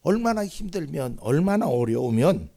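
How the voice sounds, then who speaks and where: A man preaching a sermon as pastor. He shifts from hushed whispers to loud, emphatic cries and keeps asking the congregation questions. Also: on the high side, big pitch swings, normal speed, creaky.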